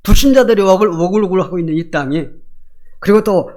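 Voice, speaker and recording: A man preaching a Sunday sermon as pastor, asking the congregation rhetorical questions and swinging between loud emphatic lines and quiet asides. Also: high-pitched, fast. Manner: colloquial, emphatic delivery.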